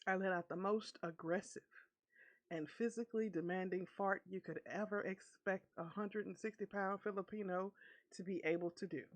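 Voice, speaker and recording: A woman's voice: mid-range voice, fairly even intonation, normal speed. A woman streamer reading an online story aloud with her own commentary, laughing often between lines. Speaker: VTuber streamer.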